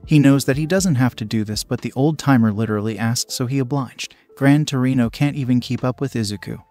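Steady male fan fiction narrator. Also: medium pitch, a little fast, soft background music.

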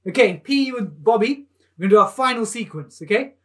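A man in his thirties leads a live maths lesson for young children. He talks with bright enthusiasm, coaxing the kids to clap and jump along. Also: high-pitched, lively intonation, fast. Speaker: maths teacher hosting a live online lesson.

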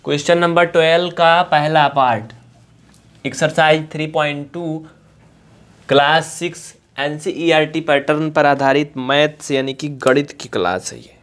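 This online maths teacher from India speaks in a slightly high, fairly bright voice. Chatty and coaxing, he repeats points at a slow pace while mixing in English textbook terms.

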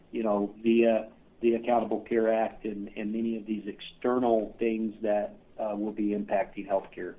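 A man with a Midwestern American accent, a clinic chief executive answering podcast questions earnestly, with many filler "uh"s. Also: on the low side. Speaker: clinic CEO guest. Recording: tinny phone line.

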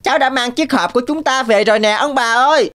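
A woman's voice: sits high, quick pace, a bit bright. A woman voicing a brave little male rooster in a cartoon, speaking boldly and scolding. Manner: bold, scolding.

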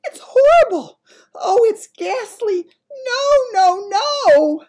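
A woman voicing a queen shouting in panic from a nightmare, shrill and blurred with sleep. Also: big pitch swings, slow, heavily acted. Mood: panicked.

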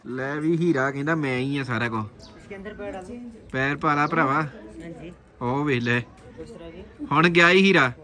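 An excitable man with an Indian Punjabi accent, chatting casually and exclaiming often as he vlogs outdoors. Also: mid-range voice, a little slow, long pauses. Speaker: travel vlogger. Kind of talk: casual vlog chat. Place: outdoors on a windy mountain trip. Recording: noisy outdoor location audio.

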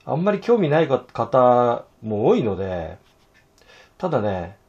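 A hoarse man teaching fountain pen illustration, talking to himself in halting asides as he draws. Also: mid-range voice, very animated, darkish tone, highs cut off. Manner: talks to himself while drawing, halting, murmured asides. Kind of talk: casual drawing tutorial.

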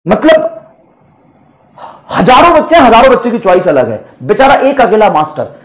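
Sarcastic high-voiced male physics teacher. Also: sing-song, fairly quick. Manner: mocking, sarcastic banter. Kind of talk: online lecture.

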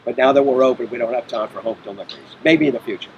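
A man's voice: mid-range voice, racing, creaky, muffled recording, slight background noise. A middle-aged man, a brewery owner being interviewed, explaining in a matter-of-fact way on an outdoor patio. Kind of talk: casual interview. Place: outdoor patio by a brick wall.

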